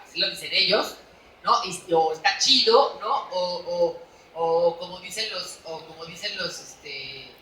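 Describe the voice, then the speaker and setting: A Mexican woman author giving a lively, chatty public talk at a book fair, tagging her sentences with quick questions to the audience. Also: fairly low pitch, distant mic, slight background noise. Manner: animated, chatty, frequent "¿no?" tags. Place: large echoey hall at a book fair. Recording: echoey hall, voice from off-mic.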